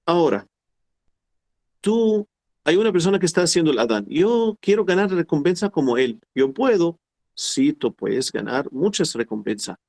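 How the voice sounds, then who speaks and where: Middle-aged man teaching a class, slightly high voice, patient and repetitive. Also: very animated, darkish tone. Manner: explains slowly and repeats phrases, quotes Arabic formulas. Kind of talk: online class lecture.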